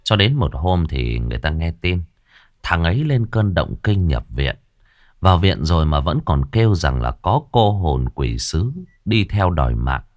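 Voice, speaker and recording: A man tells a village ghost tale with dramatic, animated storytelling. His voice sits low, but the pitch swings widely as he builds the tension. The recording is dry and close to the mic. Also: normal speed, dry recording. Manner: lively, dramatic, acts out characters.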